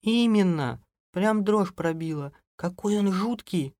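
A man reading an audiobook, voicing a nervous young wife in a high, anxious voice. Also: expressive, slow, a little mellow, no echo, studio quality. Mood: frightened. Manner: shrill, anxious. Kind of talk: audiobook character voice.

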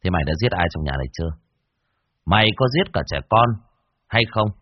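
A man's voice: deep voice, lively intonation, a little fast, dull audio, a little hiss or hum. A man voicing a harsh young male exorcist who interrogates and threatens a ghost. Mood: harsh scolding.

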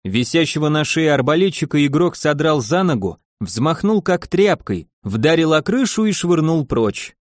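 A man narrating an audiobook with a lively, dramatic storytelling manner. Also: on the high side, normal speed, hardly any pauses, dry recording, clean studio sound. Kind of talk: expressive audiobook reading.

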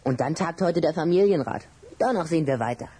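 An actor playing a grumpy, worldly-wise little boy vampire with a raspy voice in a children's radio play. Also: medium pitch, lively intonation, fairly quick, mellow. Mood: matter-of-fact. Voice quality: husky, raspy.

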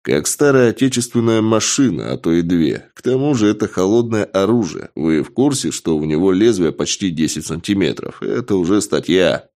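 A man voicing a tired, irritated middle-aged male investigator with a stern, gruff way of questioning, in an audiobook. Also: low voice, expressive, moderate pace, few pauses, darkish tone. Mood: lecturing. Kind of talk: audiobook character voice.

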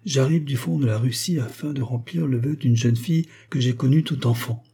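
A man's voice: medium pitch, normal speed, dark tone, slightly rough, close to an everyday voice. A man voicing a scheming baron who poses as an old priest, with a quavering voice and feigned grief.

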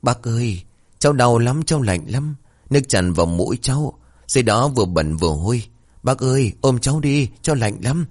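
A man's voice: mid-range voice, lively intonation, fairly quick, a little mellow, voice pushed up, close to an everyday voice. A man voicing a vengeful drowned child ghost in a spoken horror story, whimpering and menacing.

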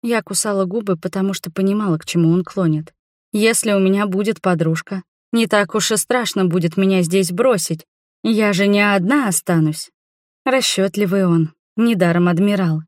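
A woman narrating a novel in the first person with an expressive, emotional reading. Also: medium pitch, normal speed, no echo, studio quality. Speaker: audiobook narrator.

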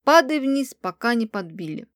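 A woman reading an audiobook voices a lively young female mage friend who talks high, loud and teasing. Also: normal speed, no room sound, studio quality. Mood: urgent.

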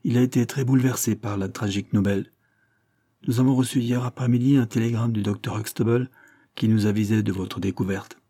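A man's voice: lowish voice, steady tone, brisk, mellow, dry recording, studio quality. A man voicing a reserved, nervous male secretary who speaks courteously in an audiobook reading. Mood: polite.

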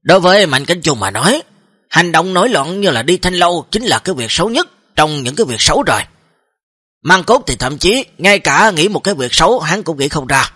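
A man's voice: a little high, big pitch swings, fairly quick, bright, forceful tone, breathy edge, no echo, clean studio sound. A man narrating an audio story, with chatty asides to his listeners.

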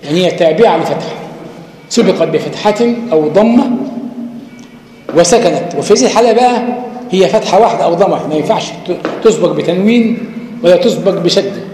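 Explaining recitation rules step by step, an Egyptian-accented sheikh lectures in a high, slightly mellow voice, raising questions and answering them himself. Echo and faint noise come from the hall.

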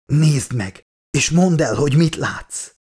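A man's voice: a little high, lively intonation, darkish tone, husky, pitched above the performer's own voice. A man voicing an ill male scientist in an audiobook, strained, short of breath and insistent. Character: sick weakening man, a scientist.

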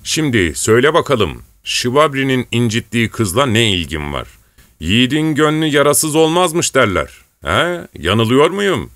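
A man voicing a boisterous, commanding male rebel leader in a bantering, loud manner in an audiobook. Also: medium pitch, very animated, measured pace, dry recording, studio quality, pitched above the performer's own voice.

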